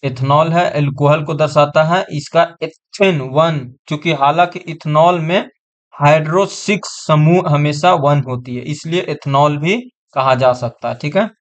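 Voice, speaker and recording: A man's voice: fairly high pitch, unhurried. A man teaching an exam-prep science class online, repeating terms and often checking that students follow.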